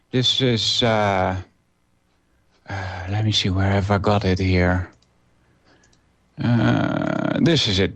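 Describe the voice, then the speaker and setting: Unscripted and full of hesitations and restarts, this forties-aged Dutch man presents his own internet radio program in a fairly low-pitched voice.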